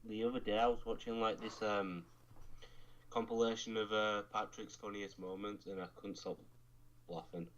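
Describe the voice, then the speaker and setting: A young man co-hosting a podcast, chatting casually in a hesitant, halting way with many fillers. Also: lowish voice, level tone, lo-fi sound, a little hiss or hum. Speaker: podcast co-host. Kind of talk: casual chat.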